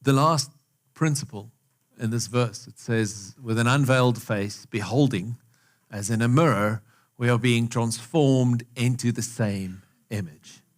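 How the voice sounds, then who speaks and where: Speaking at a medium pitch and a little slowly, a South African man whose accent has absorbed some American delivers a conversational sermon. The pastor questions his live congregation in a church hall and repeats phrases to drive points home.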